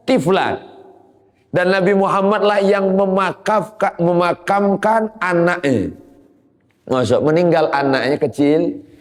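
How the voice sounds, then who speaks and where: A man's voice: a little high, big-room sound. A man giving an Islamic sermon, moving between quoted Arabic and explanation with rising emphasis. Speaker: preacher.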